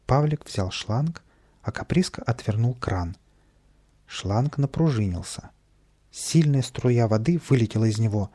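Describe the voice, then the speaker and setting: A man narrating a children's story in a lively, expressive reading. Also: medium pitch, unhurried.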